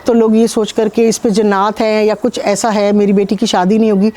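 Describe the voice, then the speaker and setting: A woman from Pakistan, a spiritual healer, calmly recounting her own experiences in an interview with measured pauses. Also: mid-range voice. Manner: calm, measured storytelling with frequent pauses.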